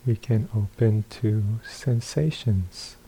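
A male teacher leads a guided meditation in a fairly low, slightly breathy voice. He speaks calmly and without hurry, leaving long pauses between short phrases.

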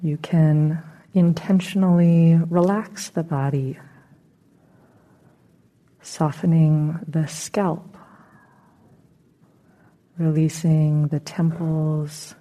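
In a low voice with fairly even intonation, a woman meditation teacher takes listeners through a guided session. She speaks soothingly and without rush, giving gentle instructions.

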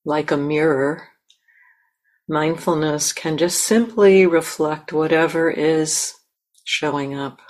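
A woman leads a guided meditation in a low voice. As a meditation teacher, she speaks gently and without hurry, leaving long pauses.

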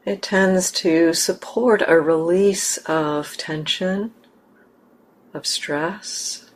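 Her voice on the low side, a meditation teacher leads listeners through a guided session, gentle and slow, with long stretches of silence.

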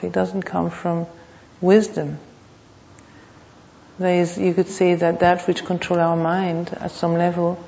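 A woman gives an unscripted dharma talk as a meditation teacher, speaking reflectively and haltingly, with pauses and repeated phrases. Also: lowish voice, gravelly, dark tone. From Thailand. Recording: muffled, reverberant hall.

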